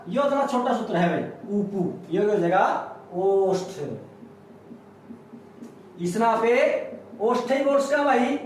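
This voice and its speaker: Male teacher, very high voice, strongly echoing classroom, quizzes himself aloud. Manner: repeating sounds, asking and answering his own questions. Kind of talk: classroom lecture. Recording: very echoey room.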